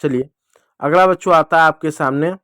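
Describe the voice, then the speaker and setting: A male teacher giving a children's reading lesson, addressing the kids directly and drawing out each letter sound slowly, asking and answering his own questions. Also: on the high side, fairly bright tone, no echo, studio quality. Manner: slow, drawn-out sounding of letters.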